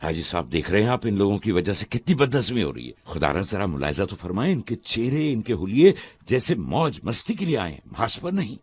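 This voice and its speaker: A man's voice: lowish voice, sing-song, brisk, a little mellow, husky. A man dubbing a strict military commander who barks orders at recruits. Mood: disapproving. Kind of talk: film dub.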